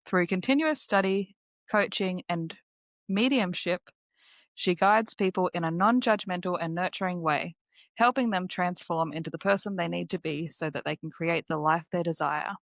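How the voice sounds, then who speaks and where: Aussie woman hosting a podcast, mid pitched voice, dry sound. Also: a bit bright, no room sound. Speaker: podcast host. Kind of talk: podcast hosting, introduction and casual chat.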